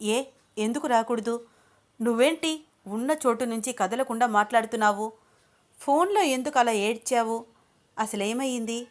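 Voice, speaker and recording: A woman's voice: fairly high pitch, moderate pace, long pauses, voice pushed up, close to an everyday voice. A woman voicing a worried young man, urgent and pleading. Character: anxious young man searching for his beloved. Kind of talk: storybook character voice.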